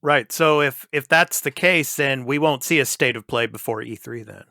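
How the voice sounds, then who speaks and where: A man in his fifties chats as host of a gaming podcast. His voice is bright and forward, recorded dry and close. He is laid-back and laughs easily. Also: medium pitch, moderate pace, vocal fry, no echo. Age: 50s. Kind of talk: casual chat.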